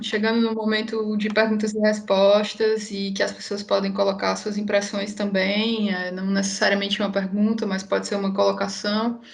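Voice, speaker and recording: A woman's voice: medium pitch, gravelly. A woman with a Brazilian accent informally moderating a live event and interpreting.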